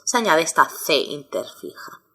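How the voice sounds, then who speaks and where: A woman's voice: deep voice, sing-song, normal speed, fairly bright tone, slightly rough. A woman teaching a grammar lesson, explaining step by step with many examples. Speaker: Spanish teacher.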